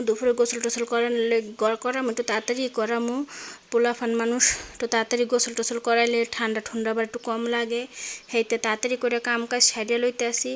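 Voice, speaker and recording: A young woman speaking with a Barishal accent, chatting in a casual home vlog about her chores and her small children, often checking in with the viewer. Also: on the high side. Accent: Barishal dialect of Bengali. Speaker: vlogger.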